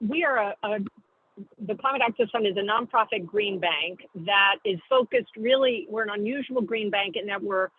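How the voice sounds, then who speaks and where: Woman on a tinny car phone line, mid-pitched, explains things step by step, stops to correct herself. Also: moderate pace, breathy edge. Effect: phone call from a moving car. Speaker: guest speaker. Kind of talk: call-in briefing on a video call. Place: in a car while driving.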